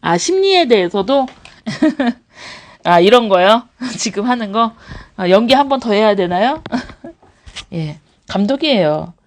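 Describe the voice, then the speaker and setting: On a live stream, a woman who runs an English academy answers parents' questions in a casual way, frequently laughing as she acts out examples. She speaks slowly in a higher, sing-song voice.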